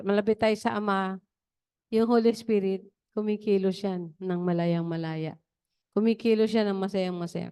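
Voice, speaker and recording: A woman's voice: mid-range voice, a little mellow, clean tone. A woman preacher giving a chatty, digressive testimony during a worship service.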